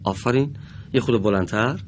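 A man teaching Quran recitation on a radio lesson in a studio, speaking slowly and patiently, modeling sounds and correcting students. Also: medium pitch, a little hiss or hum. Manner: slow, patient, carefully models and corrects pronunciation.

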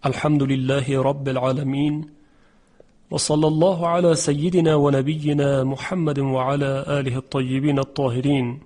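A man teaching a Quran recitation lesson, explaining rules patiently and drawing out example words slowly. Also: mid-range voice, little pitch movement, a little mellow. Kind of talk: tajweed lesson.

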